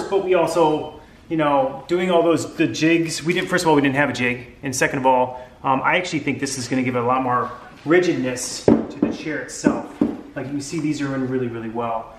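Diy dad in his 40s explaining a build in his garage, umming and restarting a lot, slightly high voice, echoey room. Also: slight background noise. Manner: relaxed, rambling, many ums and restarts. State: tired. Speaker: DIY channel host. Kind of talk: casual how-to vlog. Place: garage workshop, indoors.

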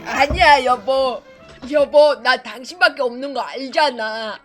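A woman's voice: sits high, a little slow, fairly bright tone, pitched below the performer's own voice. A young woman playing a hapless, apologetic husband, pleading in a whiny, melodramatic way during co-op gameplay. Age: young adult. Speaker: co-host gamer. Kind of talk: playful role-play during co-op gameplay. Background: game music.

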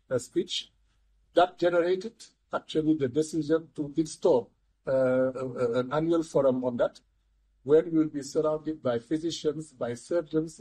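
An older man speaking as an economist guest in a studio interview, measured and restarting his words often. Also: a little high, mellow, breathy edge, poor audio. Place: TV studio, seated in armchair.

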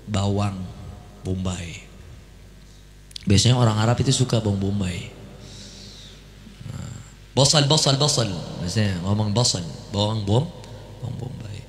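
A man's voice: lowish voice, a little hiss or hum. A man with an Indonesian accent teaching Arabic at a boarding school, repeating words, quizzing students and acting out short dialogues. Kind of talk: classroom lesson mixing Arabic and Indonesian. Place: classroom at an Islamic boarding school. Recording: echoey hall.

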